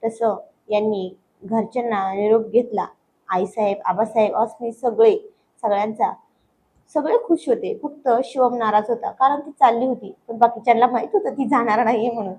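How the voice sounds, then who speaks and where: A woman narrating a romantic family story in a steady, intimate way. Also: a little high, normal speed, slight background noise, rough recording.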